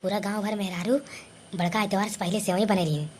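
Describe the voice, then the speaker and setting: A woman's voice: mid-range voice, quick pace. A woman with an Awadhi accent voicing a bossy elder sister-in-law who scolds and complains in a cartoon comedy, with faint noise behind. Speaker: comedy voice artist. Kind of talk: scripted cartoon comedy dialogue.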